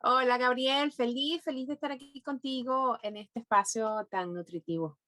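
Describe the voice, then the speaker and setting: A woman from Venezuela with a Venezuelan Spanish accent, a podcast guest explaining neurofinance in a thoughtful way with pauses and fillers. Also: high-pitched, a bit bright, no echo. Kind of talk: podcast interview.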